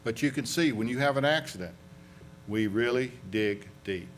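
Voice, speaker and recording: A man's voice: medium pitch, normal speed, slight background noise. A man with a Southern US accent, an accident investigator presenting at a conference in a folksy, rambling way, with restarts and asides. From North Carolina. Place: conference room.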